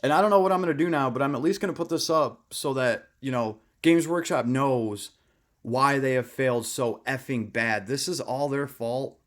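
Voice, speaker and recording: A man's voice: mid-range voice, moderate pace, fairly bright tone. A man ranting to camera, exasperated and profane, repeating himself. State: angry. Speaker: hobbyist vlogger. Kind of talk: angry rant to camera.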